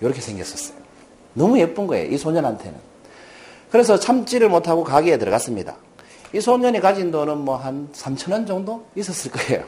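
A man's voice: a little high, quick pace. A middle-aged man giving a storytelling lecture to a class, often asking the audience questions. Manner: animated, addresses audience with questions.

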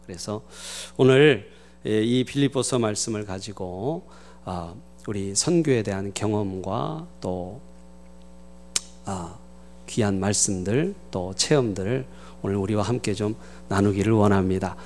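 A man, the host pastor, introducing a guest preacher to his congregation with halting speech and many fillers. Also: on the low side, darkish tone, slight background noise. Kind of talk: church introduction.

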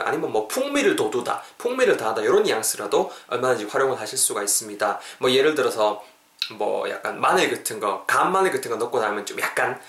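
A man's voice: medium pitch, fairly bright tone, echoey room. Playful man teaching English. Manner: playful, slows to spell out English words. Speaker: English teacher and podcast host. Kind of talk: podcast English lesson.

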